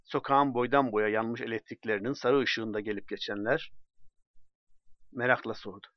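Male audiobook narrator, measured delivery, dry, slightly dull recording. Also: mid-range voice, steady tone, no room sound. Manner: plain, measured storytelling, acting out dialogue.

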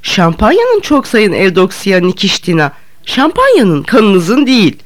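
A woman's voice: medium pitch, wildly swooping pitch, unhurried. A woman voicing a curt, haughty young man. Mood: condescending. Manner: curt, condescending. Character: blunt, haughty young man, dry and condescending. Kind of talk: audiobook reading.

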